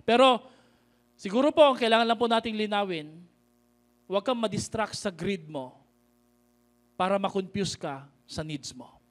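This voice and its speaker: A Filipino-accented pastor with a notably high voice delivers a lively sermon, calling out to his congregation. He slows down and stresses each word when he reads scripture aloud. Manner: preaches in mixed Tagalog and English, calling out to the congregation; reads scripture slowly and emphatically.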